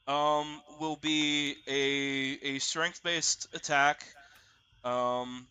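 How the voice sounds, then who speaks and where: A man running a tabletop roleplaying game as game master, narrating haltingly and piecing sentences together. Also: a little high, bright, forceful tone, clear, resonant tone.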